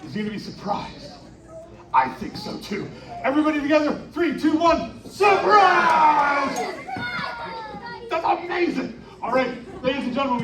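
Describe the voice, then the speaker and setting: A man performing a live interactive story show at a winter carnival, coaxing the audience into shouted call-and-response. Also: very high-pitched. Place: outdoor winter carnival stage. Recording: echoey, distant live recording with crowd.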